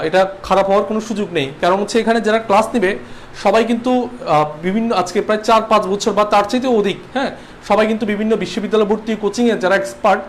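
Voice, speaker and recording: A man's voice: high voice, slight background noise. A young man from Bangladesh teaching an online English exam-prep class, repeating rules and checking that students follow. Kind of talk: livestreamed exam-prep lesson.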